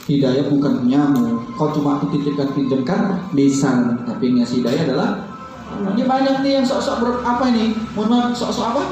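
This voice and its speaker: A man preaching to a training group, keeping it lively with questions he answers himself and short acted dialogues. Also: on the high side, a little fast. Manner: lively, fires questions at the audience and answers them; acts out little dialogues in other voices. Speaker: Islamic preacher. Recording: dull, echoey hall with faint music.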